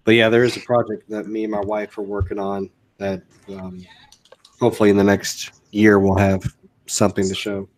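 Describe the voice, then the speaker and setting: A man talking casually about his illustration work in a steady, matter-of-fact way. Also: on the low side, normal speed. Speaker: guest illustrator. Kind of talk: casual chat.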